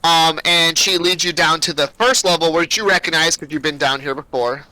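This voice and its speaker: A man's voice: fairly high pitch, fairly even intonation, fairly quick, pushed and bright, no echo, poor audio. A man narrating as game master of a tabletop game, rambling loosely with plenty of fillers.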